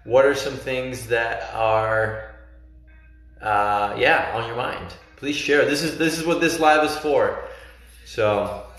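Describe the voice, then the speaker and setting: Livestreaming from a bright living room on a phone held at arm's length, this Argentinian man in his thirties works as a life coach and talks earnestly with viewers. He speaks slowly in a medium-pitched, fairly bright voice, encouraging people and reading their comments aloud. Faint music plays in a very echoey room.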